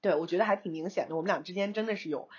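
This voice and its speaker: A young woman chats through a long personal story, animated and quick to laugh, dropping English words as she goes. Her voice sits low and husky. The recording sounds a little dull and lo-fi. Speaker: co-host, screenwriter. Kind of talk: casual storytelling chat.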